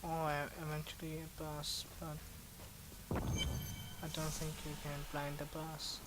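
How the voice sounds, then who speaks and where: A woman hosts a casual let's play, thinking aloud haltingly. Her voice is low with little pitch movement, and the recording has heavy noise. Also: monotone. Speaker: video game let's play host. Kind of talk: casual gameplay commentary. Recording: very noisy gaming microphone recording.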